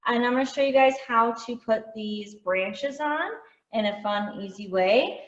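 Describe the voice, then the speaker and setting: A woman guides her painting class step by step over a video call. Her voice sits a little high and she chats along with plenty of "um"s and small jokes at her own expense. The audio is roomy and dull, like a studio heard over a call. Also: a little slow. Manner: chatty, with frequent "um" fillers and gentle self-teasing. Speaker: painting instructor. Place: art studio.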